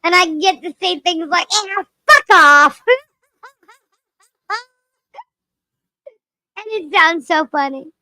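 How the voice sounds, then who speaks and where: A woman voicing a cheeky, crude, childlike lemur puppet with a loud, sharp, piercing voice, in improvised comedy. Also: very high voice, moderate pace, slight background noise. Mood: gleeful, cheeky. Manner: playful, giggly, potty-mouthed. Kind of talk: improvised live-stream character comedy.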